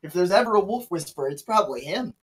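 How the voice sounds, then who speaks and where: A man's voice: high-pitched, animated, fast, breathy edge. A man playing a tabletop game, joking and speaking wryly in character. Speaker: player. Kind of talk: casual in-character banter.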